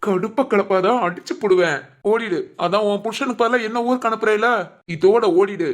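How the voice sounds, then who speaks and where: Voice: medium pitch, moderate pace, natural voice. A voice actor playing an exasperated, put-upon single young man in a cartoon, grumbling and sarcastic. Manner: grumbling, sarcastic, mock-dramatic. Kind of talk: cartoon voice acting.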